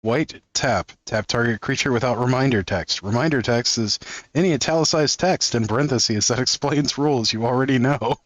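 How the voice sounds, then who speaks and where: A man hosts a card-opening video, reading each card's text aloud in a relaxed, amused way. His voice sits in a middle register. He chuckles often between lines, and the sound is dry and close. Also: medium pitch, moderate pace, no echo, lo-fi sound. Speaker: card-opening channel host.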